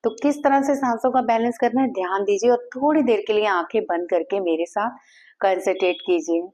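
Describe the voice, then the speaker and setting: Woman, Reiki teacher, calm guided-meditation delivery, mid-pitched voice, steady soft repetition. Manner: calm, slow guiding with repeated chanted words.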